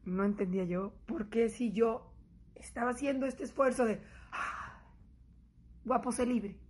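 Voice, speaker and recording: A woman with a Mexican Spanish accent chats to her viewers in a casual vlog. Her voice sits high and she tells her story in an animated, swearing style, slipping into the voices of the people she quotes. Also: a little slow, husky. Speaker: vlogger.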